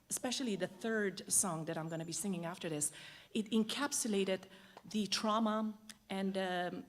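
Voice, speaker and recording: A woman singer from Lebanon talks to a concert audience before her next song. Her voice sits at an ordinary middle pitch. She speaks in a reflective, halting way, full of pauses and fillers. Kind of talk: spoken introduction at a concert.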